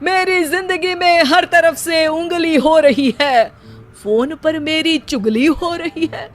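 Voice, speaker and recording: A woman's voice: extremely high pitch, slow pace, soft background music, pitched above the performer's own voice. A woman voicing a lazy, cheeky young husband who declaims silly rhymes theatrically in a comic cartoon story. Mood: whiny, self-pitying.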